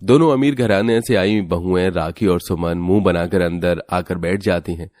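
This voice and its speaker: Lower-voiced man narrating a cartoon story. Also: normal speed, no echo, clean studio sound. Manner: steady storytelling delivery. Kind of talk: scripted narration.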